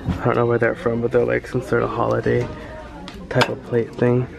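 A man's voice: medium pitch, normal speed, gravelly, a crowd in the background. A man vlogging casually while thrift shopping, gushing over finds and talking to himself, recorded on a handheld camera in a store aisle. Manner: gushing, excitable, talks to himself. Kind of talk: casual vlog narration.

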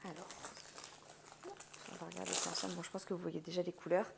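Woman with gravelly vocal fry, chatting casually. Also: on the low side, flat delivery, fast. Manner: chatty, thinking aloud. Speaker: craft unboxing host. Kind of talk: casual unboxing chat. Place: indoors at a wooden table. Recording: handling clicks and crinkling noise. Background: crinkling plastic, clicks.

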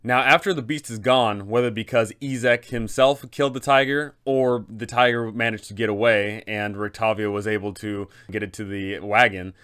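Speaking at normal speed with few pauses, the man has a steady, clean, fairly bright tone on the low side. He's in his thirties, hosting a tabletop adventure guide and giving game masters advice with emphasis and method.

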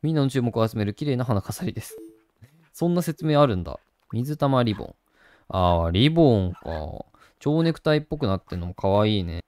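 A man's voice: mid-range voice, expressive, brisk, darkish tone. A man hosting a gaming channel, chatting casually and doting on a virtual puppy while reading the game text aloud.

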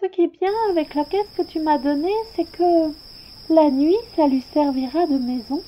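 A woman's voice: high-pitched, steady tone, moderate pace, highs cut off, faint music behind, voice pushed up, natural voice. A woman voicing a curious, stubborn little boy prince in a storybook reading, with a childlike, insistent way of asking. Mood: wondering.

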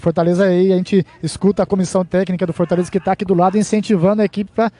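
Male match analyst, Brazilian accent, high-pitched yet mellow, commenting live on football. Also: level tone, very fast.

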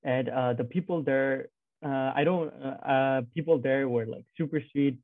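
A young man talks in a friendly, casual way, pausing with "uh." His voice comes through a thin, phone-like line. The sound is dry, with no room echo. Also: mid-range voice. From Nepal. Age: young adult. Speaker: student panelist. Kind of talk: panel talk on a video call. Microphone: video call. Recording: dry, tinny phone-like video call audio.

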